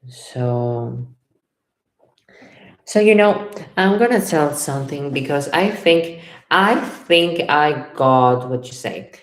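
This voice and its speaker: This Ecuadorian woman reads tarot on a live stream, voicing viewers' comments and responding to them, frequently circling back to the same phrases. Her low-pitched delivery is expressive and unhurried, and the room has a noticeable echo.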